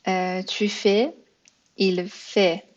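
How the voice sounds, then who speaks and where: A patient woman walks learners through beginner grammar drills at an unhurried pace, musing aloud and correcting herself as she goes. Her voice sits in a middle register, heard through a slightly dull, lo-fi recording. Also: medium pitch, flat delivery. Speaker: French teacher. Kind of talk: beginner language lesson.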